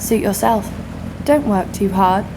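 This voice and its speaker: In a scripted audio drama, a woman plays a wry, adventurous young ship's guard who narrates her own story with a playful, sardonic touch. Her natural mid-range voice is unhurried, with background noise behind it.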